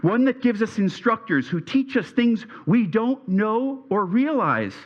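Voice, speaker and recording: At a reunion event hall, a middle-aged alumni speaker from Pennsylvania, carrying a Pennsylvania Dutch accent, reads a prepared speech and stumbles a little. His voice is high and unhurried with big pitch swings, captured in lo-fi sound.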